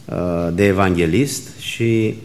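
Solemn low-voiced male pastor. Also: steady tone. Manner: measured, solemn reading that slows into fervent prayer. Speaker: visiting pastor. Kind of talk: scripture reading, prayer and church greeting. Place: church sanctuary. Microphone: microphone.

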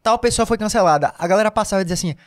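A man from Brazil chatting casually. He talks fast in a high voice and eagerly agrees with the others. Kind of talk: casual chat.

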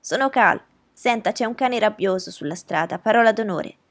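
A woman's voice: medium pitch, moderate pace, natural voice. A woman voicing a stern, bustling housekeeper who speaks in a firm, raised, commanding way.

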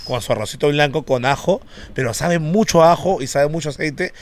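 Man, Peruvian accent, crude joking banter, fairly high voice. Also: slight background noise. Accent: Peruvian Spanish. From Peru. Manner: joking, crude, quick to deny. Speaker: podcast guest. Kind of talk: casual chat.

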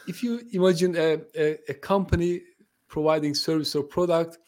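A male voice on the high side, a little mellow, with fairly even intonation at normal speed. Originally from Turkey and a native Turkish speaker, he lives in the UK and owns a translation company; as a podcast guest in a conversational interview, he sounds friendly and hesitant, relying on many fillers and restarts.

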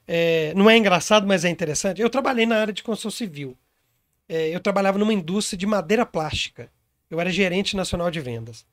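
High voiced guy, sales consultant, emphatic, explains everything w examples, super dry sound. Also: no room sound. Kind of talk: casual interview talk.

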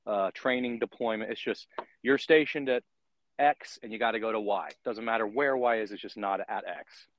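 A man's voice: fairly low pitch, moderate pace, highs cut off. A man hosting a casual interview, talking in long, rambling turns and checking in with the guest as he goes. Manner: rambling, keeps checking in with "right?". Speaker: podcast host.

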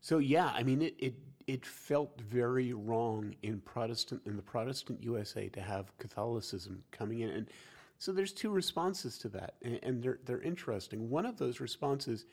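A man's voice: mid-range voice, moderate pace, a little mellow, breathy edge. A man explaining church history in a casual conversational discussion, lecturing with frequent restarts.

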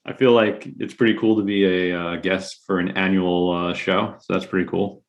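A man's voice: deep voice, flat delivery, moderate pace, lo-fi sound. A man appearing as a guest on a casual sports podcast, talking in an easygoing, slightly hesitant way.

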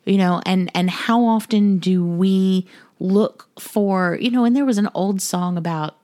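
A woman's voice: mid-range voice, unhurried, dark tone. A woman host speaking in a conversational, reflective way during a faith chat. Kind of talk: casual chat.

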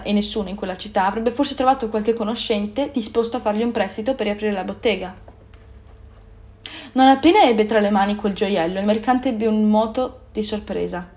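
A woman narrating a story in a calm, even storytelling manner. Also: medium pitch. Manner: calm, even storytelling with small self-corrections.

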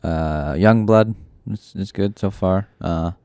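A man's voice: low-pitched, slow, darkish tone, clean tone, no echo, studio quality. A man co-hosting a comedy podcast, rambling casually with lots of fillers and jokes. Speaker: podcast co-host.

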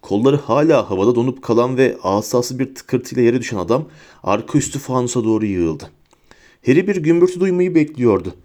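A man narrating a fantasy audiobook in a lively storytelling manner. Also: fairly quick. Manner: lively storytelling, pitches up for characters' shouts.

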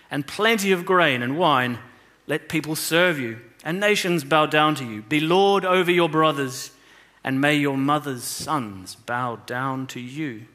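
A man voicing a frail, aged blind father in a low, hushed old man voice.

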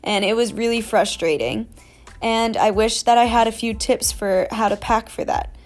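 A woman's voice: a little high, normal speed, soft background music. A young woman from New England talks through her solo podcast in a chatty, casual way. She keeps slipping in jokey little asides as she goes. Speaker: podcast host.

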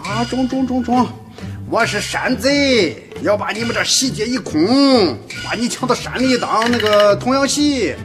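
A man's voice: extremely high pitch, lively intonation, a little slow, over music. An actor playing a sly male mountain bandit who poses as a waiter, speaking, wheedling one moment and menacing the next. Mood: grudging. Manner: wheedling, then swaggering and menacing. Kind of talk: sitcom acting.

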